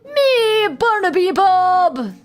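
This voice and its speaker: A woman's voice: very high-pitched, big pitch swings, drawn-out words, faint music behind, voice pushed up, exaggerated voice. A woman voicing a flamboyant male circus clown, a showy knife-throwing ringmaster, in a grand theatrical showman's manner while reading a video game aloud.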